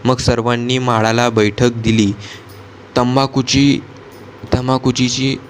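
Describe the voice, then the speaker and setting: Slow, flat-voiced man reading a novel. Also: medium pitch, slight background noise. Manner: slow, steady reading with frequent restarts of words. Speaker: audiobook reader.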